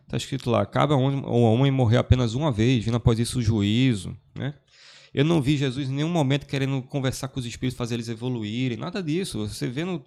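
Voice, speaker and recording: A man speaks as a guest in an easygoing chat. His voice has a gravelly, creaky edge at a middle pitch. He tells his story in a rambling way, often breaking off and restarting his sentences. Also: darkish tone. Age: 40s. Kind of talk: casual testimony chat.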